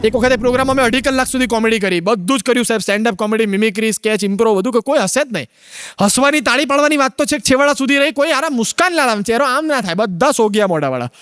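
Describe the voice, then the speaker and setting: A man with a very high voice fires off a stand-up story at a fast clip. His delivery is punchy and brisk. The sound is dry and close to the mic. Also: fairly bright tone, clear, resonant tone, no echo. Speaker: stand-up comedian.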